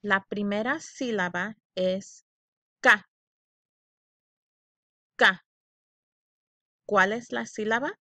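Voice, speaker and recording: A woman's voice: medium pitch, unhurried, hardly any pauses, sharp tone. A woman teaching children a phonics lesson, drawing out each syllable and repeating sounds for learners to echo.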